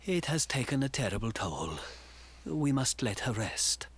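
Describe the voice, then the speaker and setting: A man voicing a solemn elderly sage in a video game, speaking gravely in a hushed, near-whispered way. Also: mid-range voice, big pitch swings, unhurried, heavily acted.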